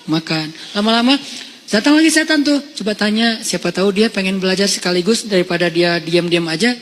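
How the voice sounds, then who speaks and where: A high-pitched man gives a sermon as a casual, lively story, acting out each voice. His words echo through a long hall reverb. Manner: lively, conversational, acts out quotes. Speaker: preacher.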